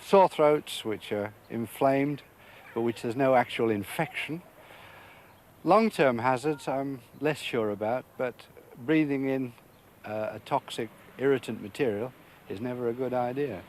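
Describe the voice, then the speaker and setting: Male doctor, interview comment, medium pitch, slight ambient noise. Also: a little slow, a little mellow. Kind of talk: interview answers.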